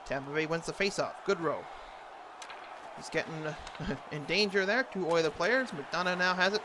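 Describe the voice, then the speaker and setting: High-pitched man calling hockey, noisy recording. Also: moderate pace. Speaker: amateur hockey play-by-play announcer. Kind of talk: sports announcer impression, play-by-play commentary. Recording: clearly noisy, ambient background noise.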